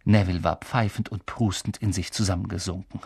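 Ein Mann liest ein Jugendbuch lebendig und ausdrucksvoll als Hörbuch vor. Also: male voice, sits low, a little fast, gravelly, husky, no room sound, clean studio sound. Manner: expressive, animated reading. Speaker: audiobook reader. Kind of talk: lively scripted narration.

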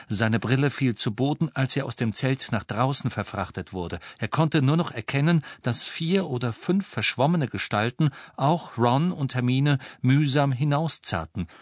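A man's voice: mid-range voice, moderate pace, hardly any pauses, no echo. Dry, dramatic male audiobook narrator. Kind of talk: scripted narration.

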